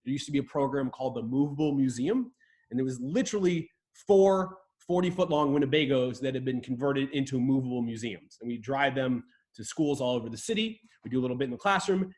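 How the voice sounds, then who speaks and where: This Ohio host and dinosaur educator runs a laid-back online lesson via video call, seated in a room of a rented house. With a medium-pitched voice, he jokes and chats with viewers, plainly enthusiastic about dinosaurs.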